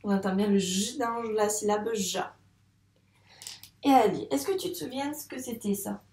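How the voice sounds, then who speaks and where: A woman's voice: mid-range voice, a little mellow. A woman teaching a phonics lesson to a young child, speaking patiently and stretching words out syllable by syllable. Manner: patient, slow, drawn-out syllables. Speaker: first-grade teacher. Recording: roomy echo.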